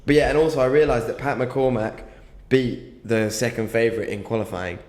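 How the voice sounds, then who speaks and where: A man's voice: mid-range voice, fairly even intonation, fairly quick, darkish tone. Brief: British man, casual podcast co-host, hesitant and chuckling, roomy sound. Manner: laid-back, hesitant with ums and self-mocking laughs. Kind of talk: casual chat. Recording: echoey room.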